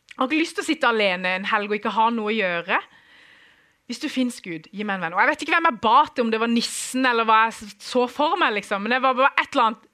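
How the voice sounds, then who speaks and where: Young man, church testimony, lively storyteller, bright forceful tone, acts out voices. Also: extremely high pitch. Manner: animated, acts out quoted dialogue, chuckles often. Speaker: speaker giving a testimony. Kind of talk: humorous personal storytelling to an audience.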